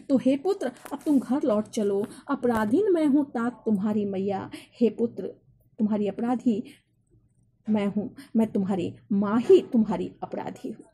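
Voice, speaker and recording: A woman teacher walks a class through a poem. Her voice sits high, with a soft, mellow and slightly husky tone. She reads each verse slowly and then explains it in plain words. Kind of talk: explaining a Hindi poem line by line.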